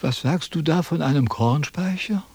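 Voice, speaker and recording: An actor playing a vain, pompous philosopher in a 1970s radio drama, lecturing and easily indignant. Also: male voice, fairly high pitch, normal speed, darkish tone, slightly rough, no echo. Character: vain, pompous old male Chinese philosopher.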